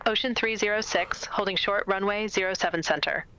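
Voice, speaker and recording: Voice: mid-range voice, a little fast, pushed and bright, a little hiss or hum. A computer-generated airline pilot giving terse, formulaic radio readbacks, heard through a cockpit headset. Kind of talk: clipped air traffic radio readbacks. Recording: dull, distant radio transmission.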